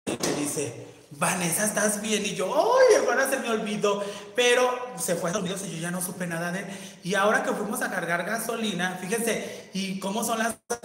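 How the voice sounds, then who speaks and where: A man's voice: high-pitched, sharp tone, a little hiss or hum. A flamboyant, campy man with a Mexican accent, chatting on a livestream and reading out viewer comments. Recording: very echoey room with long reverb.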